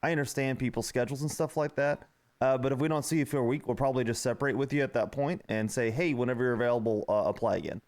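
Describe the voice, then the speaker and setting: Man, relaxed interviewer, casual questions, easygoing, mid pitch. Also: quick pace. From America. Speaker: police interviewer.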